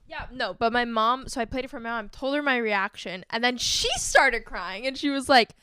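A woman's voice: a little high, normal speed, bright, forceful tone, clean tone, no echo. Giggly young woman rambling on a podcast. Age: young adult. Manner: rambling storyteller, giggly, lots of fillers. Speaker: podcast host. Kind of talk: casual chat.

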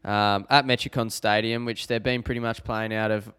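A man's voice: fairly low pitch, level tone, moderate pace, a bit bright, smooth. A man with an Australian accent, chatting casually as co-host of a sports betting podcast. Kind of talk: casual chat.

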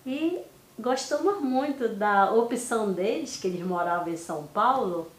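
Gentle older grandmother from Belém. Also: medium pitch, animated, unhurried, echoey room. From Belém do Pará, Brazil. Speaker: podcast guest, grandmother. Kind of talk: casual conversation.

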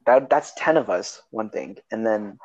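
A man's voice: fairly low pitch, animated, a little slow, darkish tone, no room sound. A young man hosting a podcast in casual chat, joking and laughing often as he rambles. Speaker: podcast host. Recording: slightly dull, dry sound.

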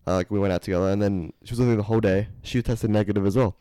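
A young man co-hosting a podcast, telling loose, excitable stories with plenty of swearing. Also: on the low side, rapid-fire, smooth, no echo. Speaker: podcast co-host. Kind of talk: casual chat.

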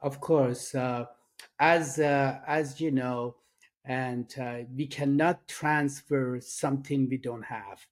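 A middle-aged man with an Iranian accent, a Persian speaker, answers questions as a guest in a casual interview, with a halting, earnest, soft-spoken delivery full of fillers and restarts. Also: mid-range voice, steady tone. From Iran. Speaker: guest, addiction and trauma coach.

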